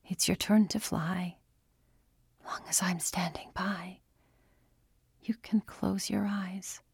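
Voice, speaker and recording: A mother keeps her voice low and unusually calm beside her child's hospital bed, as a woman reading a story puts her on. The tone is soft and unhurried, in a dry, close recording. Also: husky, dry recording. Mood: murmured singing. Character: calm, anxious mother soothing her sick little girl.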